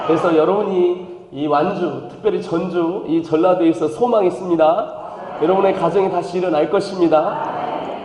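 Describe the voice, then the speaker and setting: A man's voice: sits high, a little mellow, reverberant, big-room sound, slight background noise, poor audio. A man with a Chungcheong accent preaching a playful revival sermon, calling for amens and slipping into dialect impressions. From Chungcheong, South Korea. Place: church sanctuary.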